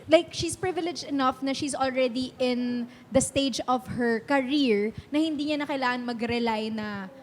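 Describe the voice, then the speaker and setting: A woman's voice: high-pitched, normal speed, hardly any pauses, slight background noise. A Filipino woman chatting casually as a talk show co-host, switching between Tagalog and English mid-sentence. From Philippines. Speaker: talk show co-host, works in entertainment industry.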